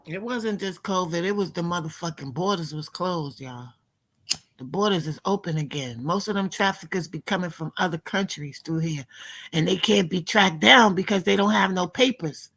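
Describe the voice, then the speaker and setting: A woman's voice: lowish voice, normal speed, a bit bright. A woman from New York with a smoker's voice, co-hosting a casual livestream in blunt, profane slang. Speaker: livestream co-host.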